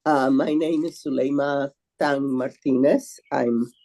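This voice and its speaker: An older woman speaks slowly over a video call. Her voice is dark and mellow, and she halts often, restarting her phrases and filling gaps with "um" and "uh". She sounds like an audience member posing a careful question at a seminar. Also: very deep voice, fairly even intonation, poor audio. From Venezuela. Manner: halting, with many fillers and restarts.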